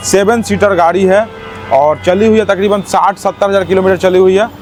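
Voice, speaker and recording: A man giving an eager, teleshopping-style car sales pitch, hammering points home by repetition. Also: steady tone, brisk, darkish tone, faint music behind. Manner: eager teleshopping-style selling, emphatically repeating prices. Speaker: used-car dealer presenting stock. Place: outdoors at a car lot. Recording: noisy outdoor car-lot sound.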